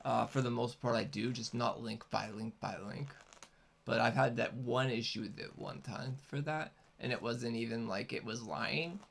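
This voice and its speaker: A man's voice: mid-range voice, moderate pace, creaky, fairly bright tone. A man chatting casually and unscripted as a host, rambling and hesitant as he explains things. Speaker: host, content creator.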